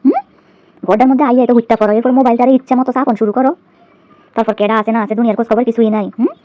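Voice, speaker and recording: A high-voiced, aggrieved young Bangladeshi wife played by a woman nags and bickers at her husband in a domestic comedy skit. She talks quickly, piling up sarcastic questions and complaints. The sound is dull and lo-fi. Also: steady tone, dry recording, lightly acted. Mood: indignant, sarcastic. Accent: Bangladeshi colloquial. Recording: dull, lo-fi dry recording.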